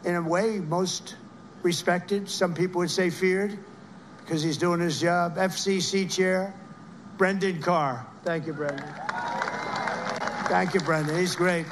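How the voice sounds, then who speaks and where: Man, rally speech, rambling, repetitive praise, fairly high pitch, faint background noise. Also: fairly even intonation, slow pace, pauses often, crowd noise. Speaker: political speaker at a rally.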